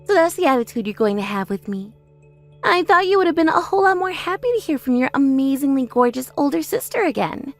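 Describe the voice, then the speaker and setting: Woman doing a snooty mean big sister in her 30s, really high voice, bragging and taunting, audio story drama. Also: animated, fairly quick, soft background music. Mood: mocking. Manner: haughty, taunting, self-praising. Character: vain, spiteful older sister in her thirties, boastful and mocking. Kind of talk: scripted audio story dialogue.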